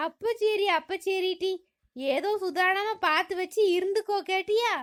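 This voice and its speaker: A woman voicing a villager in a cartoon comedy, talking in a brisk, soothing way. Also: very high voice.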